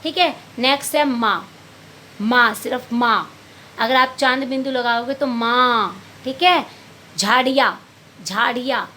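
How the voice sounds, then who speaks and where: A woman's voice: on the high side, measured pace, pushed and bright, slight background noise. A woman teacher explaining a Hindi workbook lesson to young pupils, patiently asking questions and answering them herself, calling them beta. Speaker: primary school teacher.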